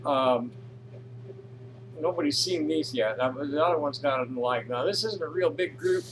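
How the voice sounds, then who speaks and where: A North American man with a fairly high voice reads social media posts aloud and comments on them at normal speed, rambling with lots of restarts and fillers. There's noise in the background.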